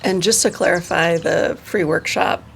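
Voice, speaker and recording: A middle-aged woman hosting an interview, brisk and asking follow-up questions. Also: lowish voice, creaky, a little hiss or hum. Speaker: podcast host, therapist and educator. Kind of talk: casual podcast interview.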